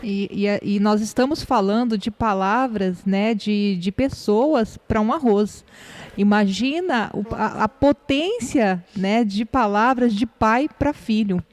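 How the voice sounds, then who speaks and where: A woman's voice: medium pitch, takes it slowly, a little mellow, slight background noise. A Brazilian woman co-hosting a casual church podcast, explaining her points and thinking aloud. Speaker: podcast co-host.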